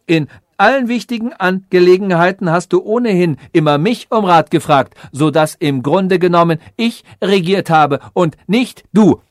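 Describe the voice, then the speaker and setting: Storybook: man doing a cunning, pompous female calculating machine, lofty and scheming, slightly raised pitch. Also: moderate pace, few pauses, no echo, clean studio sound, natural voice. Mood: threatening.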